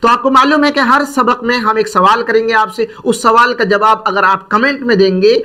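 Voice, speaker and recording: A man's voice: extremely high pitch, fairly even intonation, sharp tone. A man teaching Quran reading in a patient online lesson, asking questions and repeating letter sounds for the learner. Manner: stretches out Arabic letter sounds slowly.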